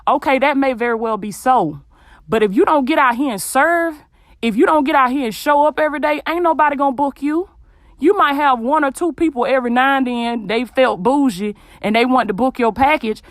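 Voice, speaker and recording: Recording from a small home closet, a woman hosts a podcast and delivers a blunt, preachy motivational talk on business, repeating lines for emphasis. She sounds high-pitched and brisk, with studio-quality audio and no room sound.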